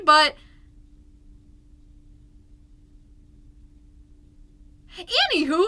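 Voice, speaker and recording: Fully in character with a high-pitched, bright, forceful voice, a woman portrays a suburban PTA mom and podcast host who is chirpy and gushing. She delivers a comic monologue with theatrical, folksy emphasis, brimming with excitement.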